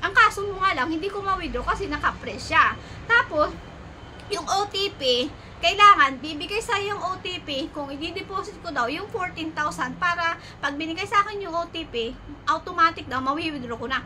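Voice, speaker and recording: A high, bright-toned middle-aged woman from the Philippines talks straight to her viewers in a casual vlog. She recounts events in an animated way, switching between herself and the other side. Faint noise hums under her voice. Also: moderate pace. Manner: animated retelling, acts out both sides of chats. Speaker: vlogger.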